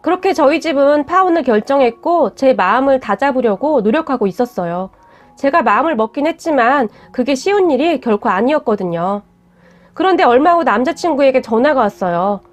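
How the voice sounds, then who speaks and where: A young woman narrating a first-person story in an even, steady way. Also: high voice, fairly quick, soft background music.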